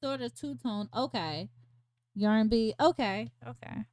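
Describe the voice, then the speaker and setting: A woman's voice: on the high side, measured pace, a little mellow, no room sound. A woman hosting a casual crochet livestream from home, chatting, laughing often and counting stitches aloud. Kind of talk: casual chat while crocheting.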